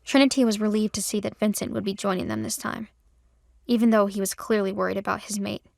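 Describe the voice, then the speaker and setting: A woman narrating an audio drama and voicing its female lead, expressive and heated in the dialogue. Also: medium pitch, fast talker, gravelly, dry recording.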